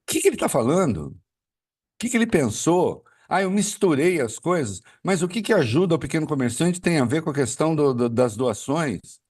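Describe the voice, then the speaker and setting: A male political commentator talking on a live show, arguing his point with rhetorical questions and plenty of fillers. His pitch swings widely, and he sounds a little far from the mic. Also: big pitch swings, a little fast, a little mellow, slightly rough.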